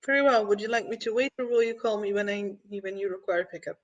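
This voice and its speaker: A woman's voice: medium pitch, quick pace, dull audio, lightly acted. A woman playing a polite robot chauffeur in a tabletop game, formal, courteous and precise.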